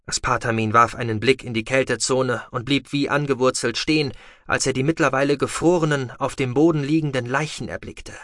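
A male narrator reads a science-fiction audiobook in a steady, measured way. His voice is bright and sits at a middle pitch. The recording is close and dry, with no room sound. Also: no echo.

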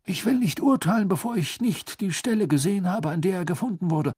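A man's voice: brisk, husky, dry recording, studio quality. A man doing a flustered, blustering minister. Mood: agitated. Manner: high, loud, agitated and pushy. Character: flustered blustering male minister, middle-aged.

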